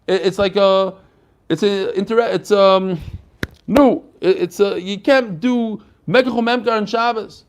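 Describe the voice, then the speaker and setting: High-voiced man teaching Talmud. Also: a little slow, a little hiss or hum. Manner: animated question-and-answer explaining, acting out dialogue; code-switching into Hebrew and Aramaic phrases. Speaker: rabbi teaching a daily Talmud class. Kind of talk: Talmud lesson, reading and explaining text.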